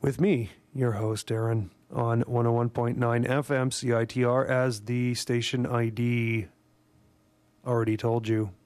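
A man with a gravelly whiskey voice from a cold, casually presenting a music show on the radio in a wry, rambling way. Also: medium pitch, flat delivery, measured pace, a little mellow. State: getting over a cold. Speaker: radio host. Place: radio studio.

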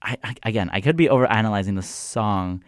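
A man's voice: fairly low pitch, no echo, studio quality. A man of twenty hosting a college radio show, talking casually and hesitantly about songs with many fillers. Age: 20s. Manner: quick, hesitant, lots of fillers. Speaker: radio host.

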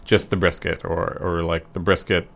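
Low-voiced hesitant man. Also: level tone, normal speed, creaky, a bit bright. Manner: rambling, hesitant with many ums and restarts. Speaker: guest recounting an event. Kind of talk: casual chat.

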